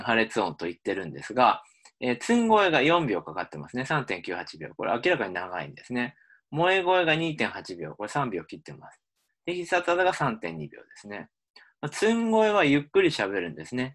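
A university linguistics lecturer explains material in a recorded lecture, using frequent "um" fillers. His voice is medium-pitched with a fairly bright tone.

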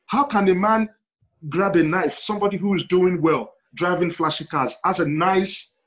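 High-voiced Yoruba Nigerian man, emphatic. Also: moderate pace, fairly bright tone. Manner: emphatic storytelling with rhetorical questions and repetition. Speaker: panel guest. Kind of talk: impassioned panel discussion. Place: indoor room at home, video call. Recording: dull, lo-fi video call.

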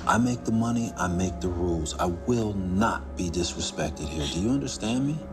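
An actor playing a controlling husband who lays down the rules of the house in a film drama. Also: male voice, very deep voice, steady tone, measured pace, music in the background. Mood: menacing. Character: controlling, threatening husband, adult man.

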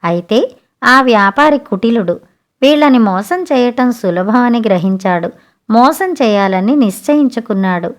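A woman reading a fable aloud for an audiobook. Her voice is fairly high and her telling stays steady and even. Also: unhurried. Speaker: audiobook narrator. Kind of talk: storybook narration.

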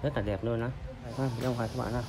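A man at a medium pitch, chatting to his viewers as he films a stroll. The sound comes from a handheld phone outdoors, with heavy ambient noise. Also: fairly even intonation, fast talker. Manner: chatty, addresses viewers directly. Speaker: vlogger. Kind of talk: casual walking tour narration. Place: outdoors and inside a wooden church. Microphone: phone camera held while walking.

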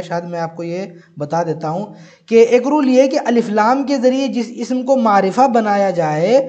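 A man's voice: high voice, mellow, lo-fi sound. A man teaching an online grammar lesson, patiently explaining and repeating points, often saying "look" and reciting examples.

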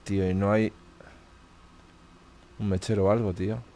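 A man's voice: fairly low pitch, little pitch movement, normal speed, warm tone. Tense Spanish man muttering over gameplay. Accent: Spain Spanish. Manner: tense, muttering, frequent swearing. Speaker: streamer. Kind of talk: live horror gameplay commentary.

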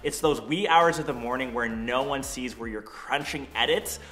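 A young male YouTuber hosts a casual vlog from an empty condo studio, a large bare room that sounds echoey. At medium pitch and moderate pace, with a fairly bright tone, he gives a chatty, upbeat tour and answers viewer questions.

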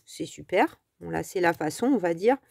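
A woman's voice: lowish voice, expressive, normal speed, vocal fry, darkish tone, husky, no room sound. A French woman hosting a casual crafting tutorial, talking in a chatty, rambling way with many fillers.

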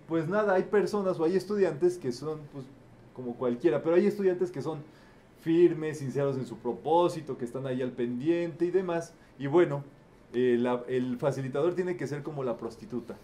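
Guy running a group class, kinda high voice but dark and mellow, keeps asking folks stuff and echoing their answers, "¿verdad?". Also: a little hiss or hum. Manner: asks the group questions, repeats their answers, tags "¿verdad?". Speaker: teaching facilitator. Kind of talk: interactive group teaching talk.

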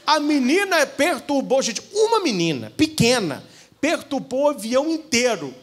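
Brazilian priest telling funny stories to couples, high voice that jumps all over, acts out the people in them. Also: male voice, moderate pace, breathy edge. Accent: Brazilian Portuguese. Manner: animated storytelling, acting out what people said. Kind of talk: humorous talk at a couples' retreat. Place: church event hall.

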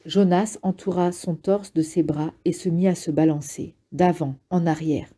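A woman narrating a novel chapter as an audiobook reader, in a measured, calm reading. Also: fairly low pitch, breathy edge.

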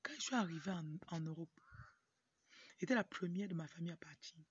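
Animated and brisk, she speaks in a lowish voice with a breathy edge and no echo. This young woman, a motivational speaker and livestream host from Cameroon who grew up in Tonga, has a Cameroonian French accent and gives a casual talk to camera with frequent asides. Her phone, held at arm's length outdoors in a yard, captures muffled, noisy audio with a rooster crowing and background noise.

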